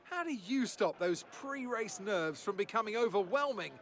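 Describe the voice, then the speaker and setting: A bright, lively race commentator. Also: male voice, high voice, moderate pace, a little hiss or hum. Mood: upbeat. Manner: upbeat, polished presenter delivery. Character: lively male motor-race lead commentator. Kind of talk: scripted broadcast commentary.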